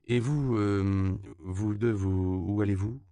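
A man's voice: fairly low pitch, fairly even intonation, takes it slowly, dark tone, smooth, no echo, clean studio sound. A man voicing an awkward, shy older man who speaks hesitantly.

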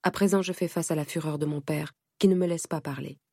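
A woman narrates a first-person audiobook in a measured, steady way. Her voice is low and gravelly with a husky edge. The recording is close and dry, with no room sound. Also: no echo.

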